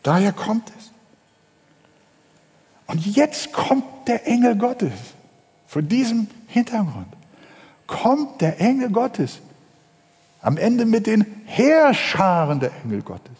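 Preacher guy, big swoopy pitch, goes loud then hushed, some ums, big echoey church sound. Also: sing-song, slow, long pauses. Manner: dramatic, swinging from ringing emphasis to hushed low tones; hesitant fillers between phrases. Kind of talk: sermon. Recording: long hall reverb.

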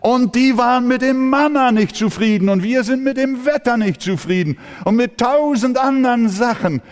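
A pastor with a very high-pitched voice preaches a sermon at normal speed, impassioned and now and then acting out the grumbling of complaining churchgoers. A long hall reverb surrounds the recording.

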